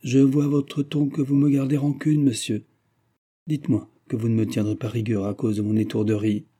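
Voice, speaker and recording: A man's voice: medium pitch, little pitch movement, normal speed, dark tone, slightly rough, natural voice. A man reading aloud and voicing a flustered, pleading young woman in a raised voice.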